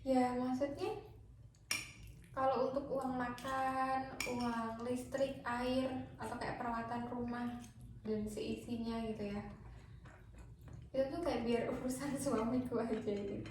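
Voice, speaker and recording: A woman's voice: on the high side, level tone, measured pace. A woman from Indonesia chatting casually over a meal as the host of a vlog. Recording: very echoey room, distant mic, clear noise.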